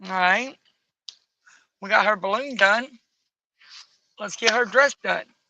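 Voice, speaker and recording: A woman streaming from home, chatting casually and musing aloud as she colors, with a bit of rough morning voice. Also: medium pitch, takes it slowly, pushed and bright, low-quality recording. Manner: muses aloud, picky and chatty, folksy asides. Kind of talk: casual chat while coloring. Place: home at night.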